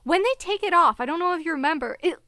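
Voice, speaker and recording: A young woman co-hosting a casual book podcast, playful and quick to laugh, with joking asides. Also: very high-pitched, lively intonation, sharp tone, no room sound. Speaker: podcast co-host. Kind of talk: casual chat.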